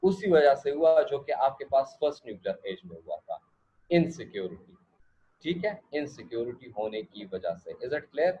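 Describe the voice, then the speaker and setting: A Pakistani man lectures a class in a warm, medium-pitched, sing-song voice with a slightly rough edge, speaking at normal speed. He often checks that his students are following and drops in English asides. The recording is dull and lo-fi.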